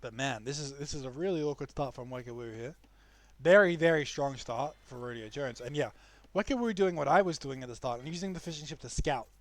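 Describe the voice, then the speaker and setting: A man's voice: mid-range voice, a little fast, dry recording. A young man casting a strategy game live, chatty and loose, often restarting his sentences. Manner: chatty, frequent restarts and fillers. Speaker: esports caster.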